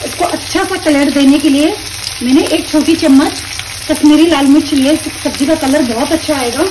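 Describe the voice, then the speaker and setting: A woman calmly explaining each step of a recipe while she cooks at her stove at home. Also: sits high, moderate pace, distant mic, noisy background. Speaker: home cooking teacher. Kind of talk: step-by-step cooking instruction.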